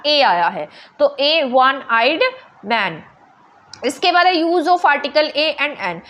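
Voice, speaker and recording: A woman teacher with a Hindi accent explaining grammar step by step, asking and answering her own questions and spelling letters out slowly. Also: high voice, a bit bright. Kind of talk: online grammar lesson.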